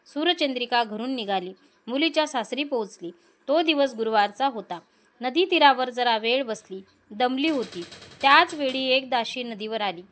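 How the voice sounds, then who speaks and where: A woman narrating a devotional folk story in a steady, measured way. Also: on the high side.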